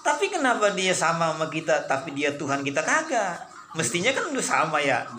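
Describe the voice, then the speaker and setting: A middle-aged man, teaching an Islamic study class in a folksy, teasing way, acting out mock debates with quick rhetorical questions. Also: on the high side, huge pitch swings, sharp tone, reverberant, a little hiss or hum. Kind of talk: casual religious study lesson.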